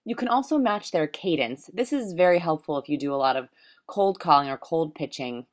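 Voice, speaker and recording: A woman with a low-pitched voice teaches a life coaching course. She talks quickly in a recorded lecture style. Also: animated. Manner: fast-talking.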